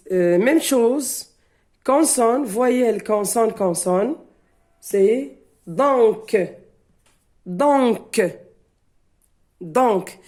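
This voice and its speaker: A woman's voice: on the high side, mellow. A woman teacher giving a reading lesson, spelling out letters one by one and repeating each sound. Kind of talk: slow syllable-by-syllable reading lesson.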